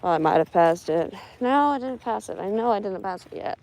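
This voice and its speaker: A woman from the northwestern US narrates her own outdoor vlog on a handheld phone, wandering and commenting as she goes. Her voice sits in a middle pitch, and her delivery is casual and dry, with a sarcastic edge. She mutters to herself while searching for things. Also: animated, brisk, darkish tone. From Spokane, US. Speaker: vlogger exploring a burned cemetery. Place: outdoors in a smoky burned forest cemetery.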